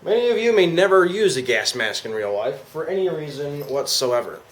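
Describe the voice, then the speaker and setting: A man's voice: a little high, very animated, fairly quick. A man giving a casual, slangy product demonstration as an amateur reviewer. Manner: informal, slangy. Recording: clear background noise.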